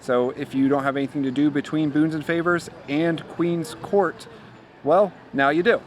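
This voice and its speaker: A man with a fairly high voice hosts a guide video in casual, explanatory talk. He is recorded outdoors with clear background noise around him. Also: fairly even intonation, moderate pace. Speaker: host of a festival guide video. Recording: noisy outdoor urban ambience.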